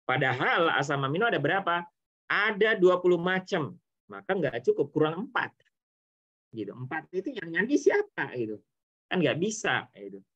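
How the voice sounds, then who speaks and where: A man's voice: a little high, a bit bright. Man tutoring, rhetorical questions, dull audio. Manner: explains step by step, asks rhetorical questions then answers them; casual, with frequent tag words and self-corrections. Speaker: biology tutor. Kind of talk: online lesson explanation.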